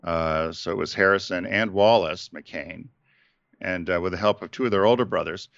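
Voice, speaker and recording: Deep-voiced man co-hosting a casual chat. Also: moderate pace, vocal fry, fairly bright tone, dry recording, lo-fi sound. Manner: rambling, many fillers and restarts. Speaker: podcast co-host.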